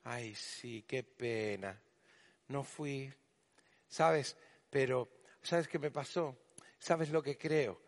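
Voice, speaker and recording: A man doing a hushed gossiping churchwoman. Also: medium pitch, very slow, pauses often, pitched below the performer's own voice. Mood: gossipy. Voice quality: hushed, murmuring.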